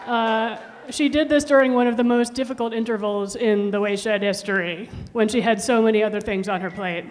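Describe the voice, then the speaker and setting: A woman's voice: on the high side, steady tone, moderate pace. A woman giving informal thank-you remarks at a live event. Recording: echoey hall, faint crowd noise. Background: light crowd ambience.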